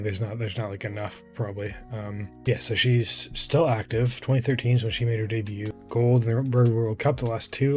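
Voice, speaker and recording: A man's voice: on the low side, darkish tone. A man with an English Canadian accent hosting a casual reaction video, rambling and hesitant with many restarts. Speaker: reaction channel host.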